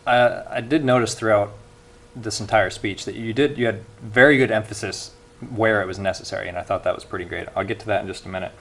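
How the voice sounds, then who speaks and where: A man's voice: on the low side, steady tone, fast, a bit bright. A young man giving an earnest speech evaluation at a club meeting, with frequent restarts.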